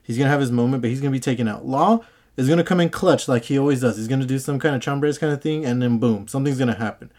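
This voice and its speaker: Excitable man recapping manga, casual and slangy. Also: mid-range voice, very fast. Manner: animated fan talk, slangy, acts out characters' lines. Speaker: manga review host.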